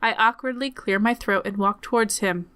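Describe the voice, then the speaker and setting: A woman reading a visual novel aloud as expressive narration while she plays. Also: medium pitch, moderate pace, clear, resonant tone. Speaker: game player reading aloud.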